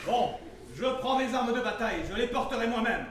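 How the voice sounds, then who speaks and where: A man's voice: very high voice, a little fast, a bit bright. A man playing a vain, pompous, easily offended general in a stage comedy, declaiming his lines. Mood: vain, indignant. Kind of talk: comic stage theatre acting. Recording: echoey hall from far off, faint noise.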